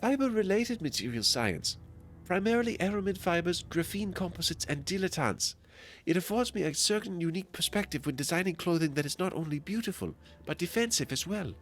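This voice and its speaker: Casting: man doing an overly smooth, polished tailor, raised voice, animated lilt. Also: high-pitched, fairly quick, slight background noise, pitched above the performer's own voice. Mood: suave. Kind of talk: reading game dialogue aloud on a stream.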